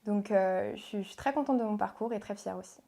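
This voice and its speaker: A young woman from Portugal, a pageant contestant answering interview questions in a soft, hesitant way with many pauses and fillers. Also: medium pitch, vocal fry. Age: young adult. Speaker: guest, beauty pageant contestant.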